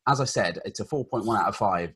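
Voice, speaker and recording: A man's voice: fairly low pitch, fast, a bit bright, breathy edge. A man hosting a podcast in casual chat, laid-back and swearing freely. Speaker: podcast host.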